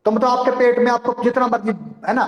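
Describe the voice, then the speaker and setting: A man's voice: extremely high pitch, level tone, quick pace. A male teacher giving an online class, explaining with rhetorical questions and often checking that students follow. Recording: echoey room.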